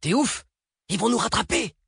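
A man voicing a panicked male police officer driving under fire, yelling curses in a husky voice. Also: extremely high pitch, expressive, slow pace, voice pushed up, heavily acted. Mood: frantic, yelling. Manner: shouting, foul-mouthed, frantic. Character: panicked male cop driving a getaway car.

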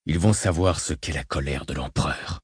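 A man reading aloud voices a haughty emperor with low, cold, clipped commands. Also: normal speed, husky, dry recording, clean studio sound, full character voice. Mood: cold, commanding. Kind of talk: audiobook character reading.

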